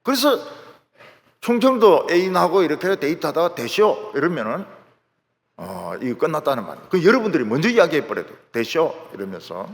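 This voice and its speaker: A man's voice: on the high side, fairly quick, creaky. A male pastor, preaching a sermon and acting out the people in his stories. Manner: animated storytelling, acting out quotes. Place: large church sanctuary. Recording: long hall reverb.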